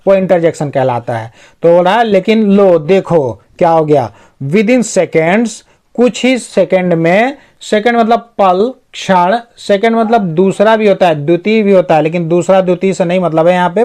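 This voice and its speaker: A man teaching English in Hindi, reading each English phrase slowly and then explaining it word by word with lists of synonyms. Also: high voice, darkish tone. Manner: repeats synonyms in lists, asks rhetorical questions. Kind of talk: Hindi-medium English lesson.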